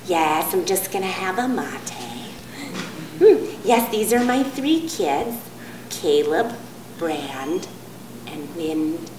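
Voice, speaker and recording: A woman's voice: on the low side, animated, slow pace, recorded from a distance, pitched below the performer's own voice. Woman putting on a smug, serene hippie. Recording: echoey room, audience noise.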